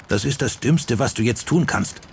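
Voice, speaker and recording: A man's voice: medium pitch, moderate pace, breathy edge, pitched above the performer's own voice. A man voicing a young male ghost hunter trainee who presses firmly and urgently, in an audiobook reading. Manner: firm, pressing.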